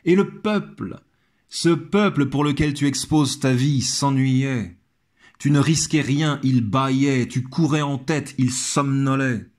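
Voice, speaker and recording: A man voicing a cunning male Roman courtier poet who flatters an emperor in flowery, theatrical lines. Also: mid-range voice, takes it slowly, lightly acted.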